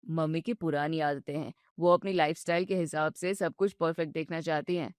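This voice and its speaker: A woman doing a low, soothing young husband. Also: steady tone, a little fast, dry recording, clean studio sound, close to an everyday voice. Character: young husband, calm peacemaker between wife and mother.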